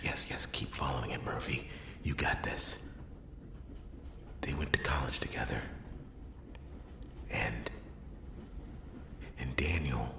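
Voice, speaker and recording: A man voicing a world-weary noir detective in a whispered role-play, brooding and halting, with dramatic pauses and a gravelly, breathy voice. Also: very deep voice, reverberant, exaggerated voice. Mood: dawning realization. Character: world-weary male noir detective piecing together a murder.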